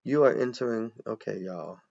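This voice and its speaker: A gravelly, low-voiced man in his forties works through a walkthrough in a casual, chatty way. He thinks aloud and keeps turning to his viewers. The recording sounds dull and lo-fi. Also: moderate pace, a little mellow. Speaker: accountant.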